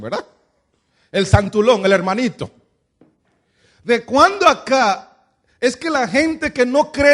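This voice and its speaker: High-voiced man preaching a sermon. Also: fairly bright tone. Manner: preaching with many rhetorical questions. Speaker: pastor.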